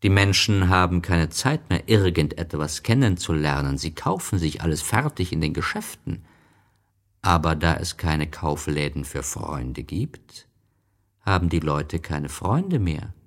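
A man's voice: deep voice, sing-song, unhurried, heavily acted. A man voicing a wise, wistful fox. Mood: gentle, wistful. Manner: patient, explaining, wistful. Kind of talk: audiobook reading.

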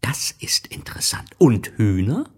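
A man voicing a wise, gentle fox in an audiobook reading, explaining things patiently and with a wistful tone. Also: on the low side, huge pitch swings, a little slow, slightly rough, in a whisper, pitched above the performer's own voice, full character voice.

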